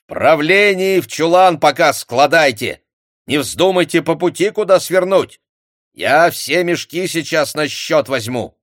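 A man's voice: fairly low pitch, expressive, unhurried, no echo, clean studio sound. A man reading an audiobook voices a brusque village chairman, curt and folksy. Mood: bossy. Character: brusque middle-aged male village chairman.

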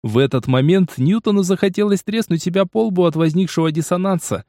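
A man narrating an audiobook in a steady, lively storytelling manner. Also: sits high, a little fast, no room sound, clean studio sound.

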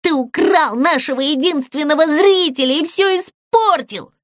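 A woman voicing an excitable bird-like doll girl in a storybook, crying out in strong feeling. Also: high-pitched, normal speed, no echo, clean studio sound, voice pushed up, close to an everyday voice. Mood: furious. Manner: emotional, cries out.

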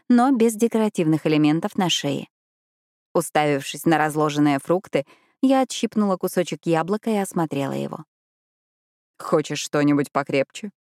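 A woman narrating a first-person story in a steady, even reading voice. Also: low voice, no echo, clean studio sound. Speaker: audiobook narrator.

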